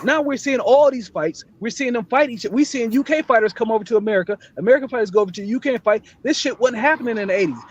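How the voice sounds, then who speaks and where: A man's voice: extremely high pitch, quick pace, few pauses. A man in a heated, casual sports debate, emphatic and argumentative, swearing and repeating himself, on dull lo-fi audio.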